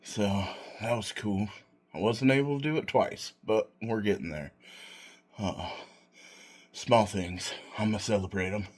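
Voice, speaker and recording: Very deep, slow-talking man, halting and reflective. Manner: halting, reflective, in short broken phrases. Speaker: vlogger and self-employed car restorer. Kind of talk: casual solo vlog monologue.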